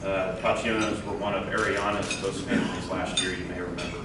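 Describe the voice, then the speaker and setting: A man introducing guests at a club meeting, speaking haltingly with many fillers. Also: low-pitched, monotone. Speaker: youth exchange officer. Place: large meeting hall during a lunch. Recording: echoey hall, distant mic, crowd noise.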